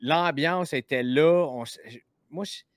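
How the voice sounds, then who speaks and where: A man with a Québécois French accent, hosting a casual chat show, lively and quick, with many fillers and restarts. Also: a little high, no echo, studio quality. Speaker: podcast host.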